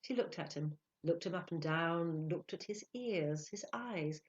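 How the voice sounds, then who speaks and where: A woman narrating a literary short story aloud in an expressive, dramatic way, hushing for quiet moments. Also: on the low side, measured pace, highs cut off. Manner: expressive, dramatic, hushes for awe. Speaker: audiobook narrator.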